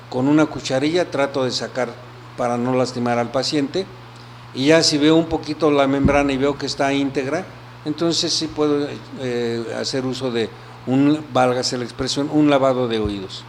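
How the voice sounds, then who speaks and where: A man explains hearing problems as a guest in an interview. He talks in a patient, explanatory way at a medium pitch. A faint background noise runs under his voice. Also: normal speed. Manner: explanatory, checks in with "¿sí?". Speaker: audiologist guest. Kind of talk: interview answers.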